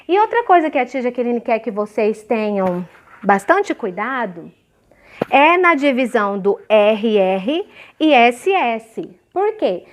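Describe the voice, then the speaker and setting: A woman's voice: fairly high pitch, sing-song. A woman teaching a grammar lesson to young children, sounding out example words syllable by syllable and often checking "ok?" and "certo?". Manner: slow, clearly syllabified examples with frequent checking questions. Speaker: primary school teacher.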